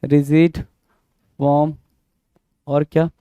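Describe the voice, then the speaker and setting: Mellow-voiced man drilling English vocabulary. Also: on the high side, level tone, takes it slowly, clear, resonant tone, no room sound. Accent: Indian English. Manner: drills words, spells them letter by letter, asks and answers his own questions. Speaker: vocabulary teacher. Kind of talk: exam-prep vocabulary lesson.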